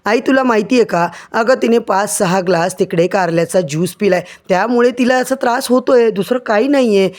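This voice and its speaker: A man's voice: high-pitched, brisk, hardly any pauses, close to an everyday voice. Man voicing an exasperated son pleading. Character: young man pleading with his mother.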